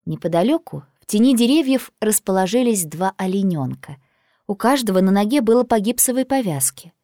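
A woman narrating a children's storybook in a lively, expressive reading. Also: medium pitch, a little fast, dry recording, clean studio sound. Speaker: audiobook narrator.

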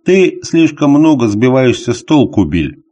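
A man voicing a gruff, weary male traveler on a dog sled in an audiobook, grumbling and blunt. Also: mid-range voice, very animated, a little slow, mellow. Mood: sleepy.

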